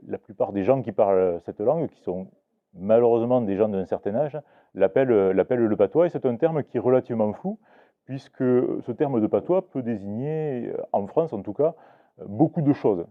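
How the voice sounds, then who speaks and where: At a moderate pace, a mid-range male voice teaches a live book fair audience about the Occitan language, with many hesitations and restarts. The audio is narrow and tinny.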